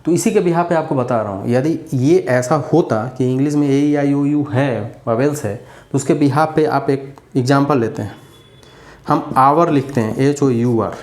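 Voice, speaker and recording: A man's voice: medium pitch, normal speed, darkish tone, echoey room. A man giving a casual grammar lesson, chatty and repetitive as he drills examples. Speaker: English grammar teacher.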